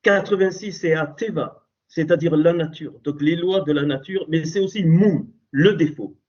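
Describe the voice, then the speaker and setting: Male Torah teacher, slightly raised pitch, emphatic, muffled call audio. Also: normal speed, a little mellow. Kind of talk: spoken religious teaching over a call. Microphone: computer call microphone.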